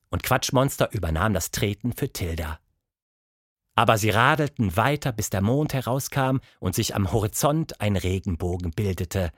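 Expressive storybook narrator man. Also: dry recording, clean studio sound. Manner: expressive, voices characters with pitch jumps.

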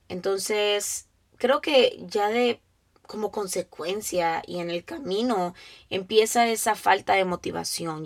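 A woman hosting her own podcast, talking earnestly and encouragingly to listeners, with frequent fillers. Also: mid-range voice. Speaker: podcast host. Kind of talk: casual solo podcast talk.

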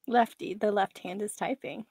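A woman playing a tabletop game, expressive and blunt, swearing casually. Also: mid-range voice, moderate pace, slightly rough, dry recording. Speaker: player.

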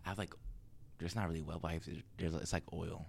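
A man's voice: deep voice, flat delivery, fairly quick, creaky, husky. A man co-hosting a podcast in casual chat, laid-back and slangy, often trailing off. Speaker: podcast co-host.

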